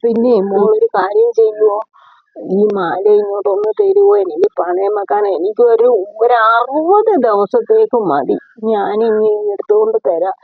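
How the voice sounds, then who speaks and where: A woman's voice: a little high, big pitch swings, a little slow, hardly any pauses, no echo, full character voice. A woman playing an anxious middle-aged mother of a bride in a comic skit, who apologizes and pleads for help with her debts. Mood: pleading. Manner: pleading and apologetic, repeats "mole". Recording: tinny phone-like dry recording.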